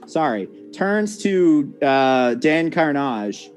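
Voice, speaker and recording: A man's voice: fairly high pitch, extremely slow, soft background music. Laid-back man running a tabletop game. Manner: relaxed, laughing, self-correcting. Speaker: dungeon master.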